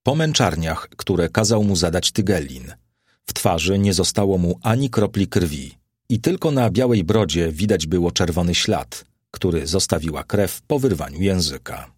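A man narrating an audiobook of a classic novel with an expressive, dramatic reading. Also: low-pitched, normal speed, husky, no room sound, studio quality.

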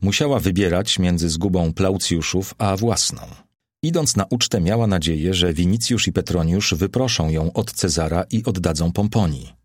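A man narrating a classic novel as an audiobook, measured and solemn. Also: low voice, dry recording, studio quality.

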